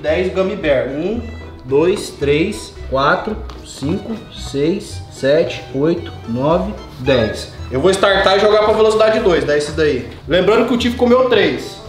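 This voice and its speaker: A man's voice: high-pitched, lively intonation, takes it slowly. A young Brazilian man hosting a challenge vlog, chatting casually and slangily with friends. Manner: informal, slangy. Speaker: challenge host. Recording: echoey room, music behind. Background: background music.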